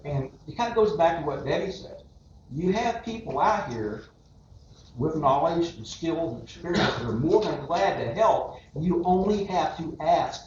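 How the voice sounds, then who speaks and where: A man makes a measured, deliberate public comment at a city meeting. His voice rings through a very echoey room. The sound is muffled, with faint noise underneath. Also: on the high side, animated, a little mellow. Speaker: resident speaking at public comment.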